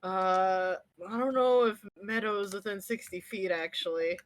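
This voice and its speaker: A woman's voice: medium pitch, normal speed, dry recording, poor audio. A woman playing a tabletop game, hesitant and full of fillers, with casual swearing. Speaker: player.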